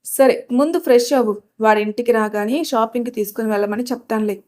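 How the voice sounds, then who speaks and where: A woman's voice: a little high, brisk, natural voice. A woman voicing a teasing, kindly old grandmother in a storybook reading. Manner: teasing, gentle.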